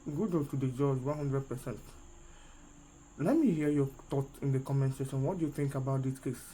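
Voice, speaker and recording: A man with a dark, mellow voice at middling pitch gives reaction commentary. He is emphatic and repeats his points, with faint cricket noise behind him. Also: moderate pace, low-quality recording. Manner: emphatic, repetitive. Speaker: video commentator. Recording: faint noise with chirping insects.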